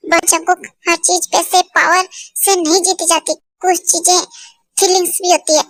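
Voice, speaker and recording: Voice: very high-pitched, flat delivery, normal speed, fairly bright tone. A young performer voicing a defiant young woman who coldly brushes off a lover. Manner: curt and dismissive. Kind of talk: Hindi fan dub drama.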